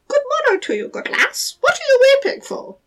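A woman voicing a small, scheming male hobgoblin who bargains in a high, squeaky voice. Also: wildly swooping pitch, normal speed, exaggerated voice. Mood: sly bargaining.

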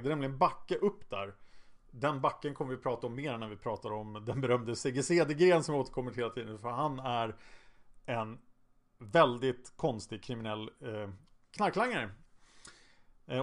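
A man narrating a true-crime story in a casual, conversational way, with hesitant fillers now and then. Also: medium pitch. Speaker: podcast narrator.

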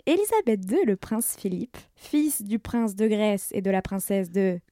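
A woman telling a story as a columnist in a casual podcast chat, lively and laughing as she goes. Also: medium pitch, unhurried, no room sound, clean studio sound.

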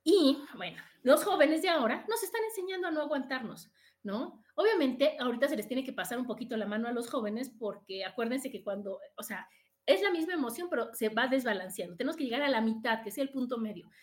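A woman's voice: high-pitched, expressive, a little fast. A middle-aged Mexican woman hosting a podcast, giving chatty, casual advice to her live listeners and often checking in with "¿no?". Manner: chatty, tags "¿no?" after points. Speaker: podcast host.

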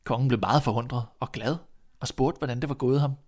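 Calm man reading a fairy tale. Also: medium pitch. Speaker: narrator. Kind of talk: storybook reading.

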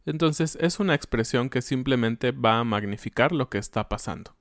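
A man with a Mexican accent explains everyday slang in a relaxed lesson. His voice sits in an ordinary middle range and is recorded dry, with no room sound. He often agrees with a short "ujú" before he explains. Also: mid-range voice, fairly quick, no echo. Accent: Mexican Spanish. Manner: affirming with frequent "ujú", explanatory. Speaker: Spanish teacher.

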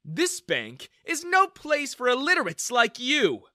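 Man doing a scornful bank manager, arrogant, loud mocking, drawn-out words, raised pitch, bright edge. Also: huge pitch swings, dry recording, studio quality, heavily acted.

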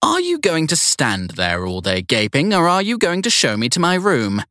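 A man's voice: a little high, huge pitch swings, moderate pace, pushed and bright, dry recording, clean studio sound, voice pushed up, exaggerated voice. A man doing a haughty ninety-six-year-old lady. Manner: haughty, clipped and demanding.

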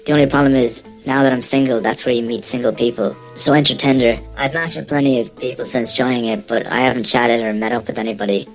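A man in his thirties leaving a rambling, candid voice message, his voice disguised deep by an electronic pitch-down. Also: fairly even intonation, quick pace, few pauses, soft background music, rough recording. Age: 30s. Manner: rambling, candid, a little sheepish. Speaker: listener sending in a voice message. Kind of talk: casual recorded voice note.

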